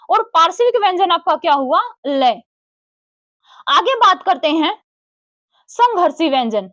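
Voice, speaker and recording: A woman teaching a grammar lesson. She asks the class questions, answers them herself, calls her students "beta" and slowly sounds out letters. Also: high-pitched, dry recording, lo-fi sound.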